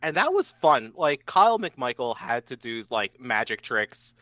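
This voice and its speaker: A man's voice: medium pitch, big pitch swings, measured pace, bright, forceful tone, no echo. A young man, a podcast guest, reminiscing casually and filling his talk with "like". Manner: reminiscing, lots of "like" fillers. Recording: dry, slightly dull podcast mic.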